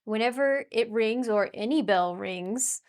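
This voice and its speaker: A woman's voice: a little high, a little slow, smooth. A woman co-hosting a podcast, casually recapping a TV episode in a chatty, explaining way. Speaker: podcast co-host.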